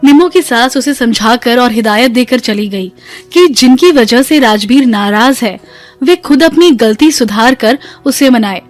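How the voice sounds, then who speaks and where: A woman narrating a family drama story in a steady storytelling manner. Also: a little high, measured pace, faint music behind.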